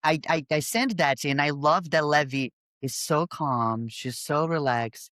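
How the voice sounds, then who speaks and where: A woman's voice: deep voice, unhurried, a bit bright, no echo. A woman hosting a casual podcast conversation, talking emphatically and restarting her sentences as she goes. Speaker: podcast host and bodybuilding coach.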